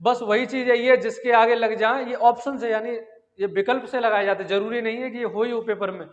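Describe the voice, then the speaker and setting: A man's voice: very high-pitched, fairly even intonation, a little fast, long reverb tail, highs cut off. A man teaching Sanskrit grammar in an exam-prep lecture. He asks the class questions, answers them himself, and sounds out the lip consonants. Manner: demonstrates lip sounds aloud.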